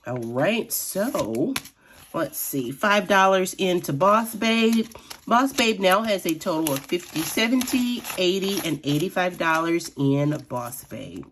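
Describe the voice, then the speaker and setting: A woman with a lowish, slightly raspy voice talks her viewers through her budget in a relaxed, chatty vlog. She counts money out loud as she goes, easy and conversational. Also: slow pace, slight background noise. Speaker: budgeting vlogger. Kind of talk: casual vlog narration.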